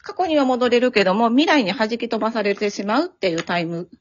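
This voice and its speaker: A woman's voice: on the high side, lively intonation, quick pace. A woman, a guest on a casual fan chat, eagerly explaining and telling the story. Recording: dull lo-fi audio.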